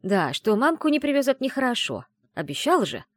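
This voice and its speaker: A woman's voice: high voice, big pitch swings, fairly quick, dry recording, studio quality, voice pushed up. A woman voicing an old grey-haired village witch who cares for a young girl, scolding in a down-to-earth, teasing way. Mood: chiding.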